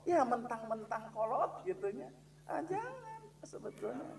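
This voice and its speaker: Recorded at a distance with a little background noise, this man's voice is very high and sing-song. Speaking with a Sundanese accent, he teaches a religious lesson in a mosque, questioning his listeners along the way and mixing Sundanese into Indonesian. He illustrates points by chanting Quranic verses loudly and slowly.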